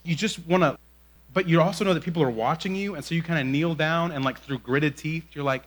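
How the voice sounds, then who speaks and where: Man preaching a chatty sermon. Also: fairly high pitch. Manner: conversational preaching, often adding "right?"; shifts between quick asides and slow, drawn-out emphasis. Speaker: pastor.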